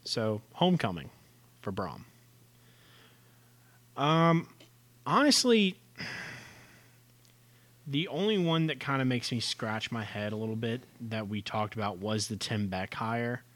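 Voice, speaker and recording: A man's voice: medium pitch, very animated, takes it slowly, long pauses, fairly bright tone. A man co-hosting a casual sports podcast, chatty and adding side facts. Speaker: podcast co-host.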